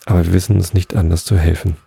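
Grave old elk elders, deep and gravelly, read by a man. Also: level tone, quick pace, warm tone, no room sound, exaggerated voice. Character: old solemn male elk elders, worried.

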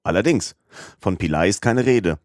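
A man's voice: deep voice, expressive, moderate pace, darkish tone, no room sound. Male reader as a hot-headed servant, impetuous, dry close sound. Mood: excited. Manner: impetuous, blurting. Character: excitable, impatient male servant. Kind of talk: audiobook character reading.

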